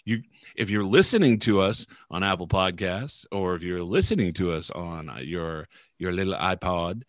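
A man hosting a podcast in casual banter, playful and quick to tease his co-host. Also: low-pitched, animated, no echo, clean studio sound.

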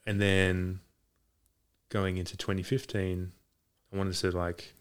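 A man's voice: low voice, flat delivery, slow pace, clean tone. A man in a casual chat as a guest, talking in a hesitant, rambling way. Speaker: podcast guest, boxing coach. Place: home garage.

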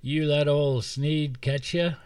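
A man's voice: fairly even intonation, slow, darkish tone, clean tone, no echo. A man voicing an ornery old backwoods woodsman who squeals through his teeth, read aloud from a distant mic in a dry room. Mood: cackling. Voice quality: high-pitched squeal through barely moving lips.

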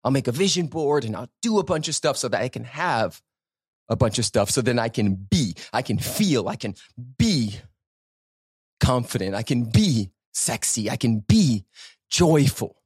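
A man's voice: medium pitch, big pitch swings, normal speed, slightly rough, no room sound, studio quality. A man hosting a spiritual self-help podcast, speaking off the cuff in an emphatic, preacherly way, with rhetorical questions and repetition. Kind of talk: impromptu motivational talk.

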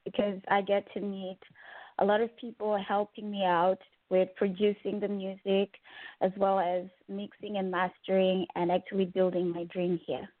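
A woman's voice: mid-range voice, little pitch movement, normal speed, no echo. Woman from Zimbabwe on a phone line. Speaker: guest singer-songwriter. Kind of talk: phone-in interview. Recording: tinny dry phone line.

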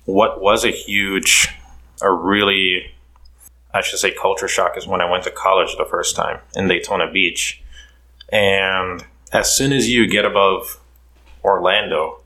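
A man in his thirties from Curaçao, a podcast guest telling his story in a relaxed way with many fillers. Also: low-pitched, measured pace, rough recording. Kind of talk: casual interview.

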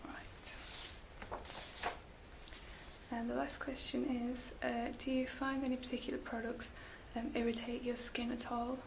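A woman whispering gently as a spa beauty therapist in an ASMR roleplay, slow and soft with little fillers. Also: on the high side, little pitch movement, creaky. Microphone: close sensitive mic. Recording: hissy close mic.

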